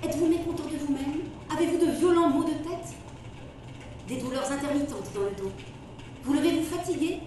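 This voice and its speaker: A woman playing an insistent, declamatory advertiser delivering a theatrical old-time pitch for a quack cure. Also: darkish tone, recorded from a distance. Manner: declamatory, insistent, rapid-fire questions and commands. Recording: roomy with faint background noise.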